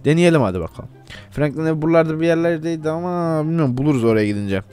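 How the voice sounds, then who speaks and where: A man's voice: on the high side, lively intonation, quick pace, warm tone, clean tone, faint music behind. A man giving casual, playful commentary over his own gameplay, joking and talking straight to his viewers. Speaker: gameplay video host.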